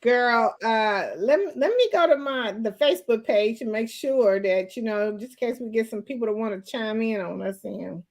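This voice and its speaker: An American woman hosting a casual live chat, folksy and animated, often repeating herself for emphasis. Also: on the high side, moderate pace, few pauses. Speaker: host of a late-night live girlfriend chat show.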